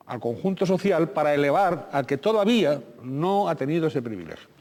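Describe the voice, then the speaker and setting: A male TV interviewer asking questions in a formal, courteous, measured way. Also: on the high side, a little mellow. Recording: long hall reverb.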